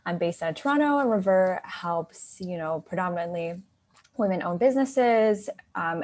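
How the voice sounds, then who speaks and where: A woman's voice: lowish voice, a little mellow. A woman in her thirties, a guest consultant talking casually in an interview, with lots of "like" and "you know". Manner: chatty, many "like" and "you know" fillers.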